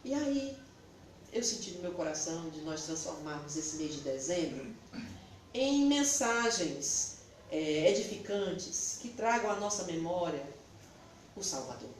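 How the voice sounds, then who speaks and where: A woman's voice: lowish voice, measured pace, slight background noise. Emphatic woman pastor preaching. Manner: animated and emphatic, laughing at her own remarks. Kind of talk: sermon. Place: church hall. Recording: echoey hall, distant mic.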